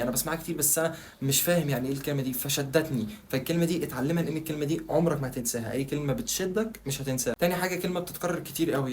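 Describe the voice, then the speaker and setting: A man's voice: on the high side, a little hiss or hum. A man with an Egyptian Arabic accent giving a casual tutorial, chatting straight to the viewer and asking himself questions that he then answers. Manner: chatty, addresses the viewer directly. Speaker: language-learning video creator.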